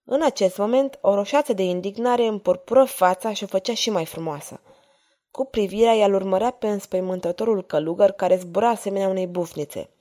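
Mellow-voiced woman reading a novel aloud. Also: mid-range voice. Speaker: audiobook narrator. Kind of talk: scripted narration of a historical novel.

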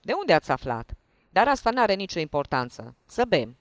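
A narrator voicing a loud, carefree, drunken lieutenant in an audiobook reading. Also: medium pitch, very animated, no room sound, lo-fi sound. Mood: rowdy. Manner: loud, swaggering, urging others to drink.

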